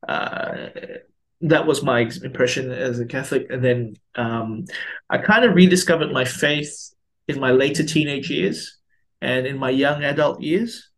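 A priest in his thirties from Malaysia recounts his life story as an interview guest. He speaks in a mid-range voice with a gravelly texture, pausing often on fillers and restarting his sentences as he thinks. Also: mid-range voice, a bit bright. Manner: hesitant, many fillers and restarts.

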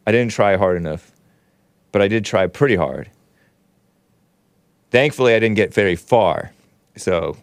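Here a low-pitched man runs a laid-back livestream, joking around as he voices chat messages in mock tones and laughs a lot. The recording has no echo.

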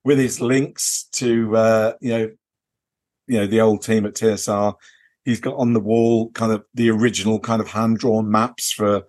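At a normal pace, this man's fairly low, somewhat mellow voice shows little pitch movement. As a podcast co-host, he casually rambles through an off-the-record account of a convention trip, hesitant and full of "you know" and "kind of."

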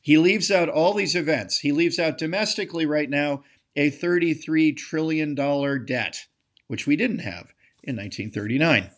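A middle-aged man hosting a podcast, delivering an opinionated political monologue with emphatic, scornful phrasing and punchy repeated lists. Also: moderate pace. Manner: emphatic and scornful, with lively swings in pitch and volume. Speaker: podcast host and political commentator.

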